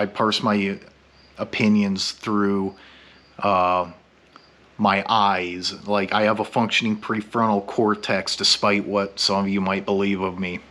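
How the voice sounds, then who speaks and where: A drunk man rambling through a blunt, profane vlog monologue, halting and meandering, stammering over his words. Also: fairly low pitch, pushed and bright. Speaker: YouTube vlogger.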